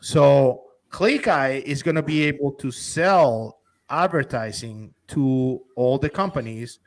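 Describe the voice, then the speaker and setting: A man's voice: mid-range voice, slow pace. A man from Honduras, an investor and company executive, talking eagerly and persuasively in a casual interview, often restarting his sentences.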